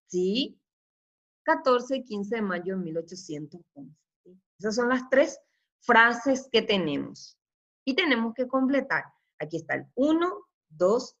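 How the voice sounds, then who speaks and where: A woman's voice: mid-range voice, a bit bright. A woman teaching a remote primary school lesson. She explains patiently, checks in constantly with her pupils, and praises their answers often. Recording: slightly dull lo-fi audio.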